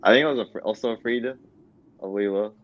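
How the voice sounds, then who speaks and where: A young man on a podcast, speaking hesitantly and shyly with many ums and pauses. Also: on the low side, highs cut off. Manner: hesitant, full of ums, shy. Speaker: podcast co-host. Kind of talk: casual chat among friends.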